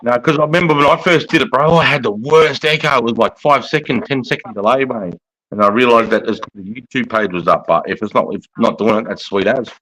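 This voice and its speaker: A man's voice: medium pitch, quick pace, fairly bright tone, poor audio. A middle-aged man with a broad Australian or New Zealand accent, hosting a casual livestream chat in slangy, sweary, blokey talk. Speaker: livestream host.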